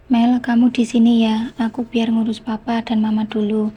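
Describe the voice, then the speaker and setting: A woman reading the lines of a demanding man who pushes his brother's ex-wife around, in a flat, husky voice. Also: on the high side, normal speed. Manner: demanding, reproachful. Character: man, older brother-in-law, demanding and pushy.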